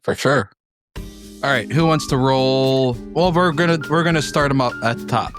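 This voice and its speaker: A man's voice: medium pitch, moderate pace, music in the background. A man hosting a tabletop game as game master, chatting casually and informally as he reads out submissions.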